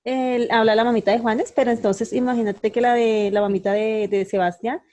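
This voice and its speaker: A woman's voice: on the high side, fairly even intonation, moderate pace, darkish tone. A mother who calls in to a class politely and apologetically. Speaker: student's mother.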